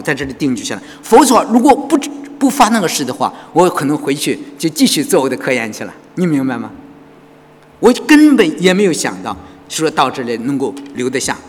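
Male pastor, high husky voice, animated sermon, echoing church hall. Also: fairly quick. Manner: animated preaching with frequent rhetorical questions to the congregation.

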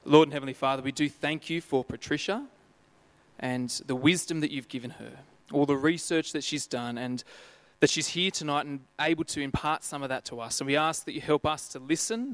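A man's voice: a little high, clear, resonant tone, dry recording. Upbeat man hosting an event. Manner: upbeat, welcoming. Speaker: host. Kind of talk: hosting and leading prayer.

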